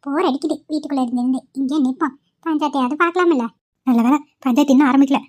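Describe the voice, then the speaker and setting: A woman voicing several village women in a cartoon, with quick, chatty banter. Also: sits high, darkish tone. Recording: dull lo-fi audio.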